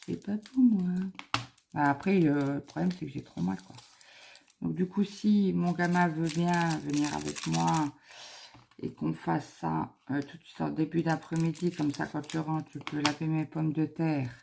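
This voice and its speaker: A woman's voice: low voice, fairly even intonation, a little slow, vocal fry, warm tone, slight background noise. A middle-aged woman chatting casually at home while she crafts, telling a rambling story with lots of fillers. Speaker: craft vlogger.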